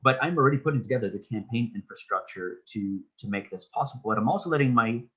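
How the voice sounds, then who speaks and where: A man's voice: medium pitch, animated, quick pace, bright, forceful tone, husky, low-quality recording. A man in his thirties, a political candidate being interviewed, explaining his views earnestly at length with frequent restarts. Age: 30s. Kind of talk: casual interview talk.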